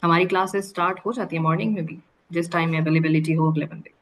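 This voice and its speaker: A woman's voice: sits low, fairly even intonation, fast, slight background noise, rough recording. A woman teaching an online spoken English orientation class. She explains patiently and mixes Urdu and English mid-sentence. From Pakistan. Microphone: video call.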